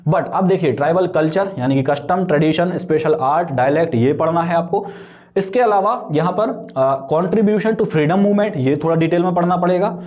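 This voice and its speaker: A young man walks viewers through exam preparation in a relaxed, conversational lesson. His voice sits a little higher than most men's, and he keeps checking in with short tag questions as he goes. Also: a little fast, lo-fi sound. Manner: conversational, frequent tag questions, mixes English terms into Hindi. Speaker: exam coaching vlogger. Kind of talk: casual explanatory exam advice.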